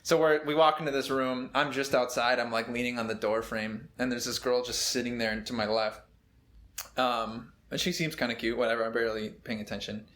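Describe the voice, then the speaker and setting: A man's voice: mid-range voice, fairly even intonation, a little fast, fairly bright tone. Laid-back young man telling a story. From Minnesota. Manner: laid-back, rambling with many fillers and laughs. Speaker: medical student, podcast co-host. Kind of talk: casual storytelling chat. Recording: echoey room.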